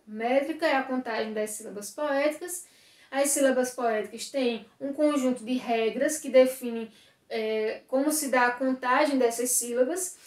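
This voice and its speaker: A woman teaching a lesson at a whiteboard, explaining step by step and often checking in with her listeners. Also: high voice. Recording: echoey room, voice from a distance.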